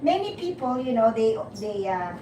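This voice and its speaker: With a slightly high voice and big swings in pitch, a Filipino-accented woman in her forties livestreams from the Philippines over background noise. Her chat with viewers is playful and teasing, peppered with laughter and false starts. The audio is roomy and distant, with clear ambient sound.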